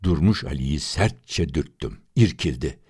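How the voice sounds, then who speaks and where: A man reading a literary story aloud in first person, with an expressive, dramatic manner. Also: extremely low pitch, a little slow, breathy edge, dry recording, studio quality. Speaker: audiobook reader.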